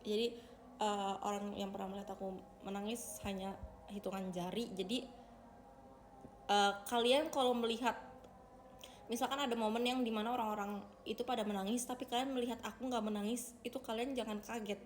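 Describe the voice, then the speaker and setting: A woman's voice: mid-range voice, fairly even intonation, a little fast, long pauses, slight background noise. A young woman hosting a casual livestream, chatting with her viewers and calling them guys. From Indonesia. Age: young adult. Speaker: idol livestreamer.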